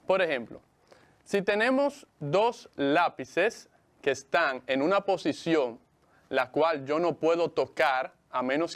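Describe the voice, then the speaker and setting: A man teaching English in Spanish, speaking slowly and clearly with a Mexican Spanish accent and repeating each word for his students. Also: fairly high pitch. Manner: slow, carefully enunciated, repeats words for students. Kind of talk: bilingual televised English lesson.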